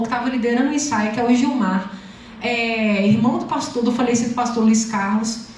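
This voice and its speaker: A woman preaching a sermon and telling a personal testimony in a lively, humorous way to a congregation. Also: high-pitched, a little hiss or hum. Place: church hall. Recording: echoey hall, distant mic.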